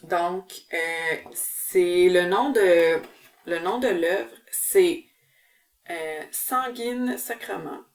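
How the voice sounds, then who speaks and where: A woman's voice: fairly low pitch, drawn-out words. Québécois lady chatting about her stitching, lots of euh, sounds a little far from the mic. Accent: Québécois French. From Quebec, Canada. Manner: chatty, many fillers and restarts. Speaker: cross-stitch channel host. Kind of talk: casual show-and-tell vlog.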